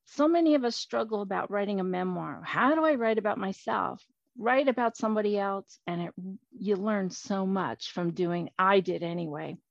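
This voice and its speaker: A woman's voice: medium pitch, animated, moderate pace, creaky, dry recording, dull audio. A woman, an author talking about her book and reading from it in a chatty, enthusiastic way.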